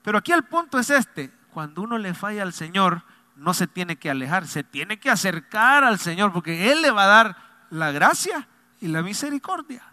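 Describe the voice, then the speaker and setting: Bright-voiced pastor preaching. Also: male voice, sits high, sing-song, normal speed, no echo. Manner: humorous, confiding, addresses congregation directly. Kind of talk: sermon with personal storytelling.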